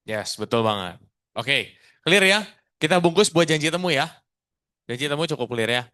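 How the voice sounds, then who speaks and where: A man, an insurance agent co-hosting, explaining phone tips to listeners in a relaxed, casual way. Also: a little high, normal speed. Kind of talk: casual podcast chat.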